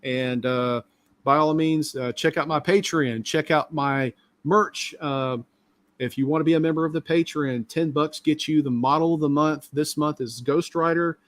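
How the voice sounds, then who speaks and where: A man's voice: a little high, fairly even intonation, normal speed, no echo. A middle-aged man hosting a live stream, talking casually and at length with many fillers. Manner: rambling, talkative, lots of fillers.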